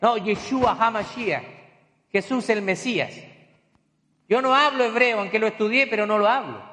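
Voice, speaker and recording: Pastor delivering a teaching sermon in a church sanctuary, man, bright tone, homely asides. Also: sits high, moderate pace, big-room sound. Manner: teaching, explains terms with folksy asides.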